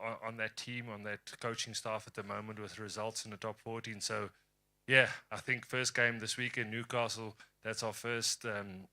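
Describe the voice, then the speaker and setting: A man answers questions in a live sports interview. His voice is fairly low and very bright, with a forceful edge. He talks in a measured, upbeat way.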